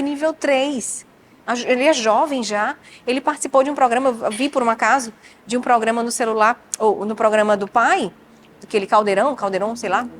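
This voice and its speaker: A Brazilian woman with a slightly high voice chats animatedly as an interview guest, slipping into other people's voices as she recounts family moments. Faint background noise sits under her speech. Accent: Brazilian Portuguese. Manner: animated storytelling, acts out family dialogue. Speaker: guest child psychologist. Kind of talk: casual interview talk.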